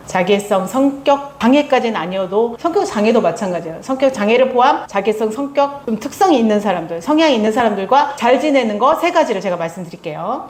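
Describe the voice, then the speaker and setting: A woman's voice: fairly high pitch, darkish tone. A woman pastoral counselor giving a church lecture, coaxing her audience to repeat phrases after her. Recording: echoey hall, faint room noise.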